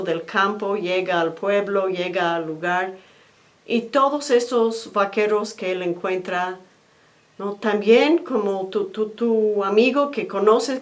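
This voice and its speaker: A woman telling a story and explaining it, hesitant, with many fillers and restarts. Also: medium pitch. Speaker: storyteller and teacher. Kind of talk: spoken storytelling with commentary.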